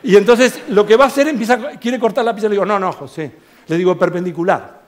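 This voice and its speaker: Argentine man in his sixties, high voice, lively storyteller on a theater stage acting out dialogue. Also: fast talker. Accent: Argentine Spanish. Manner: animated anecdote with quoted dialogue and asides. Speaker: author presenting his book. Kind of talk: storytelling talk to a theater audience.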